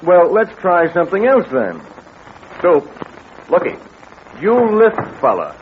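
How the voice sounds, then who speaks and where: A man's voice: high-pitched, wildly swooping pitch, measured pace, exaggerated voice. An actor playing a tough, wisecracking male adventurer in 1940s radio-serial style, breezy and bossy, heard as an old radio show. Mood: commanding. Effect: old radio show sound. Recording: tinny old radio broadcast with faint hiss.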